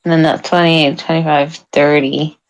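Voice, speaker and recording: A woman's voice: low-pitched, flat delivery, normal speed, rough recording. A woman playing a tabletop game, chatting casually and thinking aloud.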